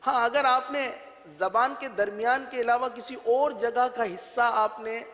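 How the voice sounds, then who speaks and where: A man's voice: extremely high pitch, steady tone, a bit bright. A man, teaching Quran pronunciation and leading call-and-repeat drills in a patient, step-by-step way. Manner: patient, explains step by step and drills letter sounds. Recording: long hall reverb.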